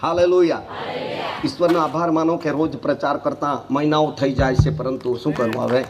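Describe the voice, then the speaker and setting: A male pastor from Gujarat preaching a sermon, firing questions at the congregation and moving between low asides and sudden shouts. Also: normal speed, noisy background. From Gujarat, India. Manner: lively preaching, quizzing the congregation with "Hallelujah" and "Hey?". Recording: distant mic with loud room ambience.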